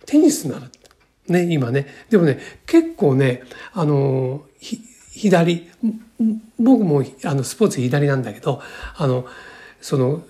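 A man's voice: on the high side, big pitch swings, slow pace, dark tone. Chatty man in his sixties, rambling. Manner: chatty, rambling, fills nearly every phrase with "ne" and "ee". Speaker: podcast host. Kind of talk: casual solo monologue.

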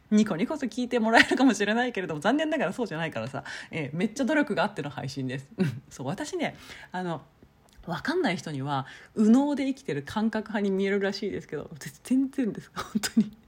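A woman hosting a solo talk show, chatting casually and deliberately dropping in Nagoya dialect and thinking pauses. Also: medium pitch, sing-song, breathy edge. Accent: Nagoya dialect touches. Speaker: podcast host.

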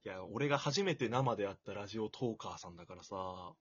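Man, self-deprecating casual chat, animated pitch, dry close sound. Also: quick pace, slightly rough, no echo, highs cut off. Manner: playful, self-deprecating, rambling.

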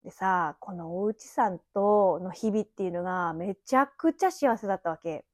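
A woman in her thirties hosts a casual solo podcast from an empty house, recording on a phone app mic. Her mid-range voice is expressive and moves at a moderate pace with no echo as she reminisces in a rambling, chatty way, dropping little laughs.

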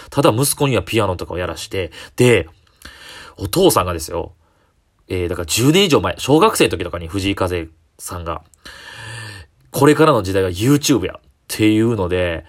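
A young man, hosting a casual solo talk show, animated and full of fillers. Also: low voice. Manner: animated, many fillers, jumps between quick and drawn-out phrasing. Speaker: comedian podcast host.

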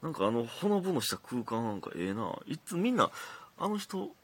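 A man's voice: mid-range voice, very animated, fairly quick, a bit bright, slightly rough. A young man with a Kansai accent, a comedian hosting his own talk show and telling stories in a rambling, chatty way. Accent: Kansai Japanese. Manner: chatty, rambling storytelling with frequent restarts. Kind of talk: casual monologue.

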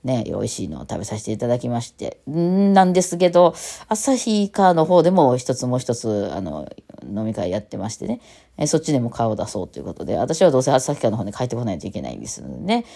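Fast-talking Osaka woman, gravelly voice. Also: rumbling low, very animated, dark tone. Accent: Osaka Kansai. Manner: rambling and chatty, with many fillers and self-corrections. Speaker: musician and podcast host. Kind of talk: casual solo talk.

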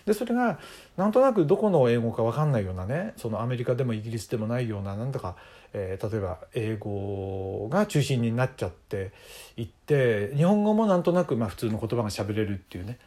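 A man's voice: medium pitch, sing-song, quick pace, dark tone, slightly rough. A middle-aged man hosting a casual solo talk show, musing in a conversational way with many fillers. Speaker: podcast host.

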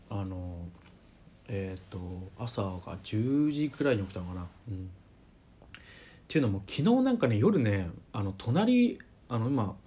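A man casually telling a personal story to camera, chatty and full of fillers, animated as he retells events. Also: lowish voice, breathy edge. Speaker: vlogger.

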